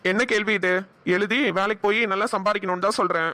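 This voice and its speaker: A man acting a caring, protective young man in a short family drama, giving firm advice and speaking gently to loved ones. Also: high-pitched, little pitch movement, fast. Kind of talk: Tamil short-film dialogue acting.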